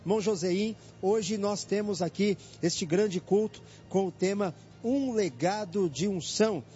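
A man's voice: sits high, a little slow, dark tone, faint music behind. A Brazilian man hosting an evangelical radio broadcast, fervently inviting listeners to come to church. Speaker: radio host. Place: church headquarters, live broadcast. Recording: dull lo-fi radio broadcast with faint noise.

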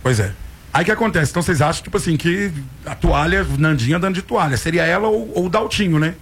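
Sotaque mineiro, voz um pouco aguda e rouca, comentarista provocador. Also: male voice, a little high, fast, a bit bright, husky. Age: 40s. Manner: teasing, playful banter. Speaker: sports radio co-host. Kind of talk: joking sports talk.

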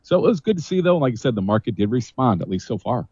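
A man giving a market commentary over the phone as a grain analyst, brisk and full of figures. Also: medium pitch, sing-song, a little mellow, husky, no echo. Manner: brisk, figure-heavy, uses frequent "uh" fillers. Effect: heard over a phone line. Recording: muffled phone line, dry.

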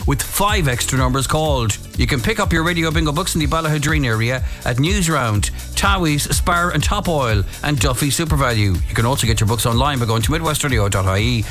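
Lively Irish male bingo caller over music. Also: medium pitch, fairly quick, hardly any pauses. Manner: repeats each number digit by digit. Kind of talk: bingo caller reading out numbers. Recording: music behind the voice. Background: music bed.

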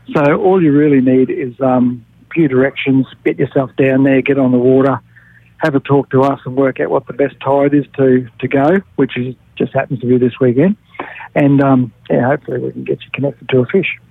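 A tackle shop expert chats casually through a fishing report as a guest on the radio, in a relaxed, colloquial way. His mid-range voice is brisk and creaky with a breathy edge and fairly even intonation; there is no room sound, just a thin phone line.

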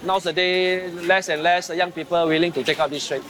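A man's voice: sits high, fairly even intonation, fairly quick. A middle-aged man with a Singaporean accent, talking as a hawker stall owner in an interview. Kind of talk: interview talk.

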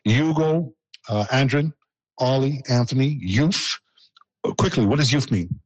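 A man's voice: mid-range voice, animated, measured pace, dry recording, poor audio. A man hosting an interview with a band, joking and teasing in an upbeat way. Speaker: host. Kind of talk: playful broadcast interview.

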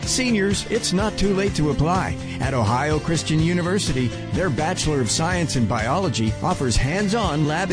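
A man reads a radio ad in an upbeat, encouraging voice with a lively, rising and falling pitch. His voice sits somewhat high, and music plays clearly beneath it. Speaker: ad announcer. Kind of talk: read radio ad.

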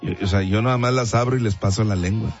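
A man's voice: on the low side, fast talker. A man with a Mexican Spanish accent co-hosting a radio show, teasing and prompting his partner. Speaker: radio co-host. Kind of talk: joking banter. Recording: dull lo-fi radio sound. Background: loud music.

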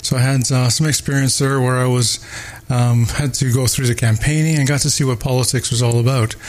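An older man from Barbados, a mayoral candidate, answering interview questions with many pauses, fillers and restarts. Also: mid-range voice, fairly even intonation.

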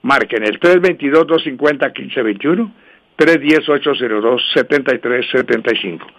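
A man hosts a radio call-in program and reels off lottery numbers for each star sign. He talks in a brisk, repetitive patter, then slows right down so listeners can write each number down. His voice sits at a middling pitch for a man. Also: fairly bright tone. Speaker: radio host and numerologist. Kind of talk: radio call-in show, dictating lucky numbers.

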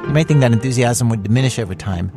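A male reporter with a mid-pitched voice tells a radio story. His scripted narration is conversational, with faint music underneath. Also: rapid-fire, dark tone.

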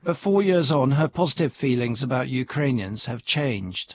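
A man reporter narrating a news report in a calm, even way and asking questions on location. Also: mid-range voice, normal speed, dull audio.

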